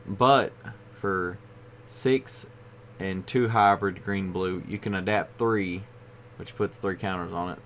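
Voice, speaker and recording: Laid-back low-voiced man reviewing cards. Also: steady tone, slow, a bit bright, slight background noise. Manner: rambling, with frequent "you know" fillers. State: tired, yawning. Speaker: card game video host. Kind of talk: casual card review.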